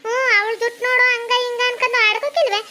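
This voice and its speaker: A woman's voice: extremely high pitch, steady tone, very fast, pushed and bright, voice pushed up. A woman voicing a scolding, mocking old mother-in-law. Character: sharp-tongued old mother-in-law, grandmother.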